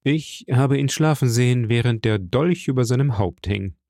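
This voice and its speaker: A man voicing a calm, powerful count who speaks softly and measuredly. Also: medium pitch, dry recording, studio quality, natural voice. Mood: gentle. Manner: soft, measured, gently smiling. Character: calm, powerful middle-aged count, gentle and mysterious.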